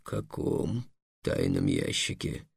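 A gruff old dragon, slow and gloomy, with a deep gravelly rumble, as a male reader puts him on. The voice sits dry and close to the mic, with no room around it. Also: sing-song, a bit bright, dry recording, exaggerated voice. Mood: grumbling.

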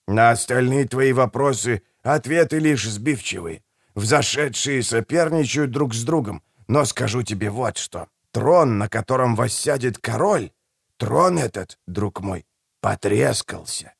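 A toothless old market trader, as a male reader puts him on, all fawning, conspiratorial patter. His voice is gravelly and husky, and it leaps up and down in pitch. The reading is close and dry, with no room sound. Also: animated, measured pace, no echo, full character voice. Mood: wheedling. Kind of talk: audiobook character voice.

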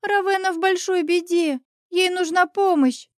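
A small, frightened girl witch from a storybook, as a woman reader puts her on, with a high, urgent, childlike voice that pitches well above the narration. Her voice is close and dry, with no room sound around it. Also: fairly even intonation, a little slow, no echo.

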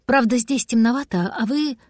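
Woman doing a hushed, clever storybook cat. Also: on the high side, moderate pace, no echo, clean studio sound, close to an everyday voice. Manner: hushed and businesslike. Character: clever grown-up male cat, polite but firm.

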